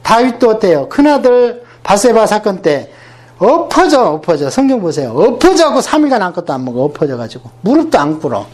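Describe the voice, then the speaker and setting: A man's voice: high-pitched, big pitch swings, a little fast, darkish tone. A male pastor giving a Bible seminar lecture, teaching emphatically and asking the class rhetorical questions.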